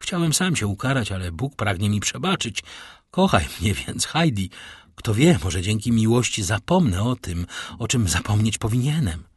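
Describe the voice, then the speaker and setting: A man voicing a brooding middle-aged nobleman in a read-aloud novel, slow and solemn. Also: lowish voice, very animated, slightly rough, no echo, studio quality. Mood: tender.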